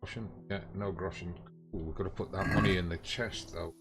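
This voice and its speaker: Over video game music, a man gives casual live commentary, thinking aloud in short muttered phrases. His voice sits low, brisk, with fairly even intonation.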